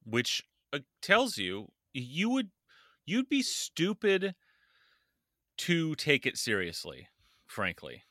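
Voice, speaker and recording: A man's voice: on the high side, huge pitch swings, takes it slowly, pauses often, sharp tone, dry recording, clean studio sound. A man co-hosting a casual political chat podcast, blunt and profane, with a sarcastic edge. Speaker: podcast co-host.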